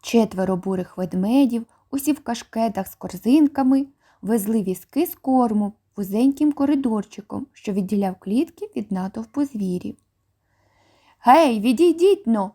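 A woman narrating a children's audiobook in a calm, expressive reading voice. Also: a little high, normal speed.

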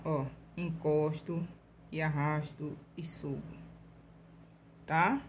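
This nail art tutorial is hosted by a Brazilian woman whose voice is on the low side and darkish, with a little hiss or hum in the recording. Chatty, with a Brazilian Portuguese accent, she paints slowly and deliberately, demonstrating strokes step by step and constantly checking in with her audience.

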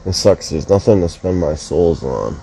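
A man's voice: sits low, animated, normal speed, gravelly, mellow, slight background noise, low-quality recording. A man commentating his mobile game casually, groggy from just waking up, swearing and muttering to himself. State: just woke up, yawning.

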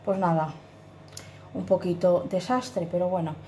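Holding her phone camera, a Spanish vlogger chats her way through her small, dim indoor flat, with its tiled kitchen and bathroom echoing. Her fairly low voice moves at a measured pace over slight background noise. She's homely and apologetic, full of fillers and frequent "¿vale?" check-ins.

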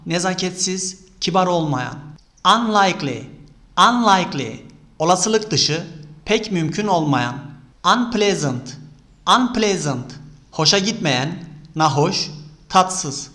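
Slow, bright-voiced man reading word lists. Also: sits high, expressive. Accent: Turkish. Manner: reads each English word twice, then Turkish meanings. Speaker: vocabulary reader.

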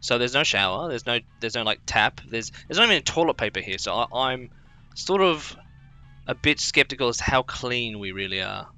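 A man's voice: medium pitch, animated, normal speed, pushed and bright, smooth, faint music behind. A man co-hosting a casual let's play, talking in a rambling, chatty way. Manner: rambling, many fillers and restarts, chatty. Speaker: co-host. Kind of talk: casual gaming commentary.

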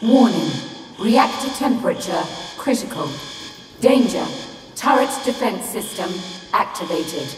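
A voice actor playing the automated alarm system of an overheating reactor, giving flat, mechanical, repeated warnings over a loudspeaker. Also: medium pitch, unhurried, long pauses. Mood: urgent. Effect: loudspeaker announcement. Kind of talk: game alarm announcements. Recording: echoey loudspeaker from far off, loud music.

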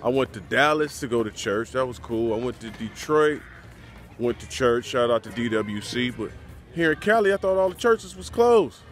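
A man's voice: medium pitch, animated, normal speed, faint music behind. A man in his forties vlogging outdoors to a phone held at arm's length, talking in an upbeat, preachy way straight to his viewers. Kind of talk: casual vlog talk to camera. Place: outdoors on a church campus and a mountain lookout.

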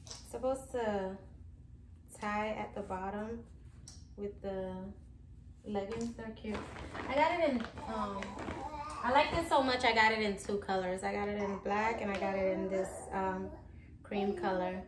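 A vlogger in her thirties chats casually through a shopping haul in her living room, showing items one by one to a camera across the room. Her medium-pitched voice moves a little slowly with long pauses, and the room is echoey with background noise.

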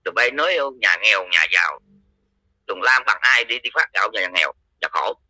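Sharp-voiced Southern Vietnamese man scolding. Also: on the low side, animated, a little fast, no room sound, poor audio. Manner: scolding, coarse, confrontational. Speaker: Cao Dai lay follower. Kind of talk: heated rant to camera.

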